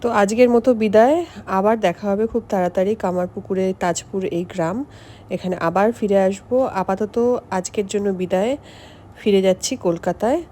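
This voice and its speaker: Talking directly to her audience, this vlog host with a West Bengali accent keeps things casual and conversational. She has a mid-range voice and normal pace, and loud background ambience fills the noisy on-location audio.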